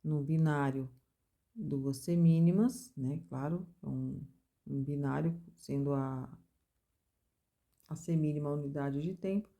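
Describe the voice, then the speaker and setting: A woman with a low, mellow voice teaches a music theory class. She explains each point step by step and chants rhythm syllables to mark the strong beats. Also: measured pace, gravelly. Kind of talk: recorded music theory lesson.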